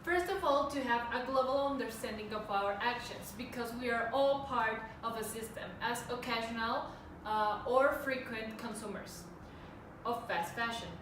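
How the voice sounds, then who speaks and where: A young woman from Mexico in her twenties presents steadily to her class, with a fairly high voice. She stands away from the mic in a very echoey room, and noise is clearly heard behind her. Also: normal speed, far from the mic. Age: 20s. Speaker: student presenter.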